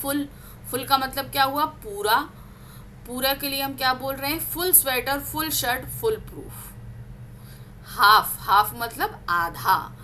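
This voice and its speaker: Bright-voiced woman teaching grammar. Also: high voice, slight background noise. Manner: slow, stressed word-by-word examples, asks and answers her own questions. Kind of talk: classroom lesson reading word examples aloud.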